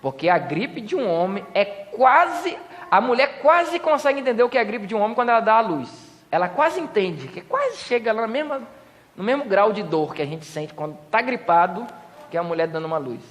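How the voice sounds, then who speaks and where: A Brazilian man gives a joking sermon from a church pulpit. He has a high voice and acts out small scenes with playful voices. His voice rings with the long echo of a church hall. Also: very animated, fairly quick, fairly bright tone. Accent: Brazilian Portuguese. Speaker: pastor. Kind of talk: humorous sermon.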